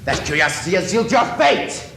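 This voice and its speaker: A tormented, masked man with a ruined face, obsessive and possessive in love, as an actor plays him on stage. His voice sits a little high and swings from hushed pleading to furious shouts. The sound rings around an echoey stage. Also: sing-song, brisk, gravelly, faint music behind, exaggerated voice. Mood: anguished, raging. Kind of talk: stage play performance. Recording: echoey stage from a distance, faint noise.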